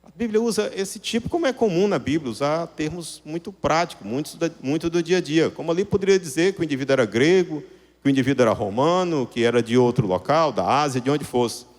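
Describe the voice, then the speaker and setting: A man preaches to a congregation in a reverberant hall, his slightly high voice expressive and quick. He explains points didactically, rephrasing them and posing rhetorical questions.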